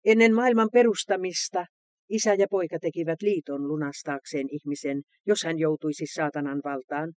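A man giving a solemn, measured devotional reading, recorded close to the mic. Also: fairly high pitch, steady tone, no echo.

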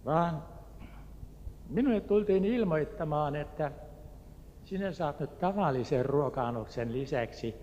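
A man's voice: a little high, animated, pauses often, darkish tone, in a large hall, highs cut off, a little hiss or hum. An older man from Turku, Finland, telling a personal faith story in an earnest way, with hesitations. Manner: earnest, with hesitations and acted quotes. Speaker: speaker giving a faith testimony.

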